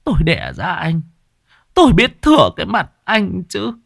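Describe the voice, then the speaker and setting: A woman's voice: medium pitch, very animated, moderate pace, no room sound, studio quality, voice pushed up. A man voicing a frail, desperate old peasant mother, pleading and shrieking in a storybook tale. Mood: defiant. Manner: pleading, then shrieking in terror.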